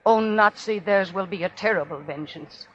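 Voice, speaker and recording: An actress in a 1940s radio drama plays a defiant condemned prisoner, solemnly and righteously accusing her captor in repetitive, incantatory oratory. Her medium-pitched, fairly bright voice moves at normal speed and sounds close to everyday speech. The old radio recording is dull and noisy.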